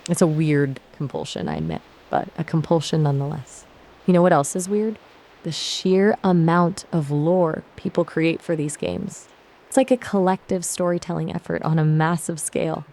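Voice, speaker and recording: A synthetic woman's voice chats as an AI gaming companion. She is upbeat and polite, with a slightly low pitch. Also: animated, moderate pace, vocal fry, dark tone. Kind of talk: casual chat.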